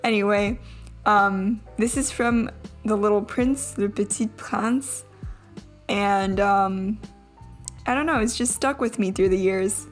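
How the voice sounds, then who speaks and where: A young adult woman giving a casual, chatty, self-deprecating vlog voice-over, with some trouble saying her R sounds. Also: mid-range voice. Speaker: vlogger. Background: background music.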